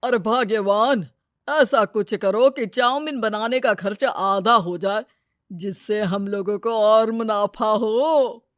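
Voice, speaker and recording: A woman voicing a greedy, scheming male village moneylender, loud and brash in a cartoon story. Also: mid-range voice, takes it slowly, dry recording, studio quality, close to an everyday voice.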